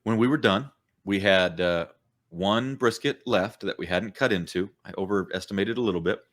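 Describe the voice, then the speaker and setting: Deep-voiced yet fairly bright in tone, this middle-aged church coach talks at a moderate pace as co-host of a casual church podcast. He explains ideas thoughtfully and conversationally, using lots of fillers.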